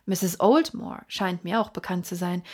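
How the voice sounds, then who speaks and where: A woman reading an audiobook, voicing a calm, keen-minded male detective who speaks in a measured, inquisitive, sometimes hushed way, with a husky voice. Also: lowish voice.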